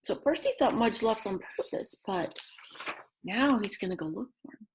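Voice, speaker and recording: With a medium-pitched, animated voice, a woman reads a picture book to young children, keeping it simple and expressive. She speaks slowly with dramatic emphasis and chats to her little listeners along the way. The low-quality recording carries slight background noise.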